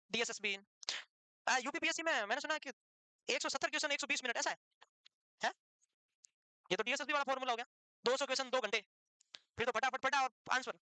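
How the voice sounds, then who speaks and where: Fast, bright-voiced woman teacher. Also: high voice, no room sound, poor audio. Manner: quizzes students and answers her own questions; teasing, scolding banter with students. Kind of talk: classroom lecture for nursing exam prep.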